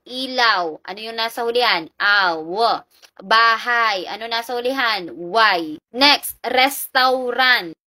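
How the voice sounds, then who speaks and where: Woman reviewer, clear bright tone, polite, drills and quizzes the listener. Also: a little high. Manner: patient, repeats key points, polite po, quizzes the listener. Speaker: reviewer teaching Filipino phonology. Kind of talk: exam review lesson.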